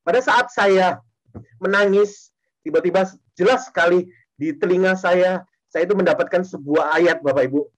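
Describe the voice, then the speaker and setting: A man's voice: high-pitched, normal speed, rough recording. A man giving a testimony sermon to a congregation, repeating his phrases and often turning to address the listeners directly.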